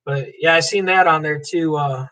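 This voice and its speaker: A man hosts a live stream in a slightly high, pushed and bright voice at normal speed. He chats loosely and jokes while reading viewers' comments aloud and answering people by name.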